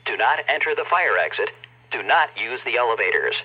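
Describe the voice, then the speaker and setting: A man giving a formal, deliberate prerecorded evacuation announcement played over a building fire alarm loudspeaker. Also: medium pitch, big pitch swings, slight background noise. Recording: dull lo-fi loudspeaker sound.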